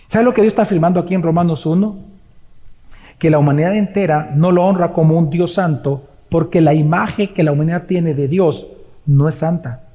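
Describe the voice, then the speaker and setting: A man preaching a Sunday sermon, emphatic, swinging between loud declarations and hushed asides. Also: fairly high pitch, muffled recording. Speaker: pastor. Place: church sanctuary. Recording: long hall reverb.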